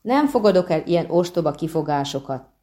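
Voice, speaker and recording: A haughty, petulant siren shrills her demands, as a woman reader puts her on. The storybook sea creature sounds high and indignant, pushed up well above a dark, mellow reading voice. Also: very animated. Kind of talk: audiobook reading.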